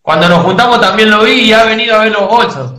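High, bright-voiced joking Uruguayan man. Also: expressive, fast talker, echoey room. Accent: Uruguayan Spanish. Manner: jokey, boastful storyteller. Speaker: guest footballer. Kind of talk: casual live-stream interview.

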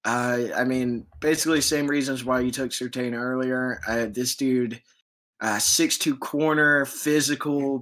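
A man's voice: mid-range voice, a bit bright. Man in casual sports chat. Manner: loose, filler-heavy, quick restarts. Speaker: podcast co-host.

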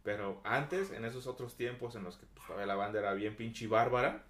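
A Mexican man chatting in a relaxed, slangy way. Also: mid-range voice, fairly quick. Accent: Mexican Spanish. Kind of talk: casual chat. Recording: echoey room.

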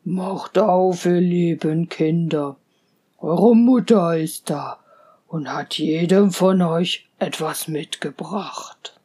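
A wicked wolf from a fairy tale speaks slowly in a voice pushed low, as a woman storyteller puts him on. He coaxes and wheedles, stretching out his words. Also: warm tone, husky. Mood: coaxing. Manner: low, drawn-out and coaxing. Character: sly male wolf, a wicked deceiver.

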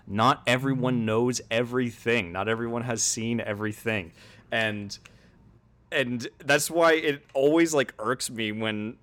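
A man's voice: medium pitch, a little slow, a bit bright. A man in his twenties, a video essay creator, chatting casually as a podcast guest, ranting and retelling scenes with quoted voices.

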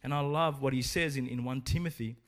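A man's voice: medium pitch, brisk, a bit bright. A man preaching a sermon in an earnest, urging way, telling a story along the way.

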